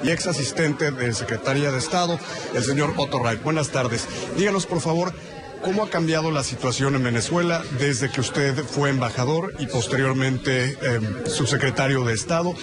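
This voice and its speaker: A man's voice: mid-range voice, normal speed. Young male news interviewer. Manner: long composed questions with a scripted intro. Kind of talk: formal news interview questions. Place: conference venue, indoors. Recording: crowd murmur behind.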